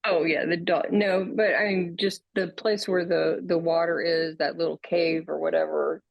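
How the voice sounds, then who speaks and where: A woman co-hosting a podcast in casual chat, halting and searching for words. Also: fairly low pitch, flat delivery, creaky, no echo, muffled recording. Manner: halting, many fillers and restarts. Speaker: podcast co-host.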